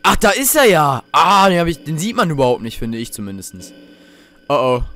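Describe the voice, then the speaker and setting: A young man with a slightly high voice talks his way through a horror game. He mutters to himself, swears and gets jumpy as he plays. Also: sing-song, fairly quick, sharp tone. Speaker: let's play host.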